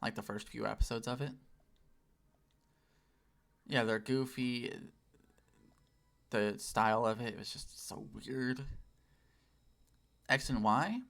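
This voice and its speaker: A man's voice: mid-range voice, creaky, fairly bright tone. A man in his late twenties chatting casually on a game livestream, putting on a customer service voice, sweary and self-deprecating. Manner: customer service voice, deliberately lifted. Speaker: game streamer. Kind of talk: casual livestream chat while playing.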